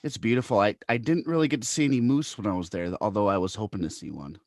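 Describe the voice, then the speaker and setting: A man's voice: lowish voice, quick pace, no room sound. A man hosting a podcast interview, asking questions in a friendly, easygoing way. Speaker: podcast host.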